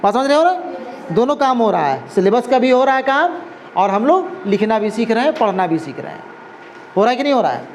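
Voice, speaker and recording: A man's voice: very high-pitched, sing-song, brisk. A man stands before his class. He explains patiently and keeps asking whether the students follow. Faint room noise sits behind him. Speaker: Urdu teacher. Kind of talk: classroom lesson.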